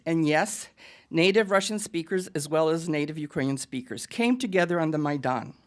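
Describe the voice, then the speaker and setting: An American woman with a lowish voice gives a prepared speech at a podium as a guest speaker at a press event in a press club hall. She's earnest and emphatic, adding pointed asides.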